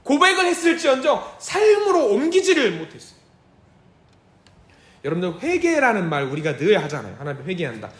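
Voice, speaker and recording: A man preaching a sermon as pastor, lively and theatrical, acting out the Bible figures with shouts and hushed asides. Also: very high-pitched, moderate pace, pauses often. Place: church sanctuary. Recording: echoey church sound.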